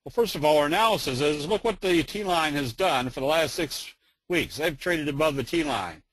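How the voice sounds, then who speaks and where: A man's voice: a little high, expressive, normal speed, a bit bright, rough recording. A man giving a casual, joking trading lesson in a webinar, full of fillers. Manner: folksy, joking, many fillers. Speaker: trading instructor.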